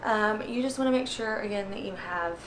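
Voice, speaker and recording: A woman vlogger talking casually through a repair demonstration, out of breath from working a hand pump and filling pauses with ums. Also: medium pitch, slight background noise. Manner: chatty, many ums, pauses while pumping.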